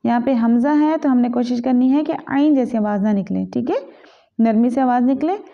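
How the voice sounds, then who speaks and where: Female tajweed teacher, high voice, slow drawn-out recitation, narrow tinny sound. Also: vocal fry. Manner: recites each word slowly, then explains fast in a lower voice. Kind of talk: tajweed lesson, reciting slowly then explaining quickly. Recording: tinny phone-like audio.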